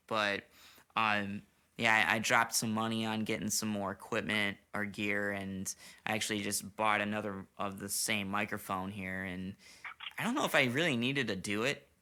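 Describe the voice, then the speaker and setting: A man's voice: on the low side, sharp tone, smooth. A slightly tipsy man hosting a casual late-night podcast chat into a studio microphone, rambling and swearing with lots of restarts. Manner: rambling and profane, many restarts. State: a little tipsy. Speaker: podcast host. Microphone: studio microphone, monitored on headphones.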